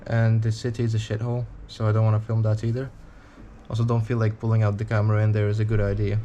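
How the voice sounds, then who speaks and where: A man's voice: fairly low pitch, monotone, fast, warm tone, dull audio, a little hiss or hum. A man in his twenties talking casually to camera in a travel vlog, candid and rambling, with a blunt edge. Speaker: touring cyclist vlogger.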